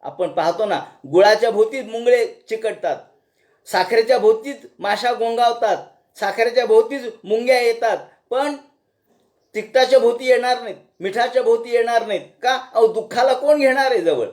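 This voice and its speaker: A man's voice: very high voice, moderate pace, darkish tone. A man giving a devotional discourse, retelling scripture folksily with rhetorical questions and chanted verses. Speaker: scripture storyteller.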